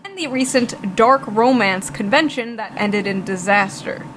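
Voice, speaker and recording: A woman commentator with a fairly high voice delivers scripted lines. She is sarcastic and emphatic, over faint background noise. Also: a little slow, fairly bright tone. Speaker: video commentator.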